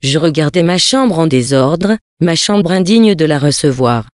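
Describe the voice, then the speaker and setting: A reader narrating a novel in the first person, with a measured, even delivery. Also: medium pitch, no echo, studio quality. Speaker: reader of a story.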